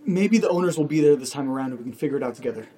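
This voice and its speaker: A man's voice: medium pitch, expressive, racing, warm tone, close to an everyday voice. An actor playing Nate, a rattled, anxious man caught up in a horror audio drama. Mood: determined. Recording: clearly noisy background ambience.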